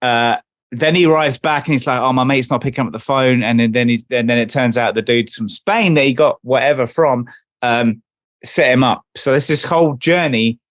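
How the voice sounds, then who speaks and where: A man's voice: medium pitch, normal speed, fairly bright tone, no echo. Rambling man reviewing an album. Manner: rambling, restarts, reads out lyrics. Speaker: podcast co-host. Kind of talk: casual chat.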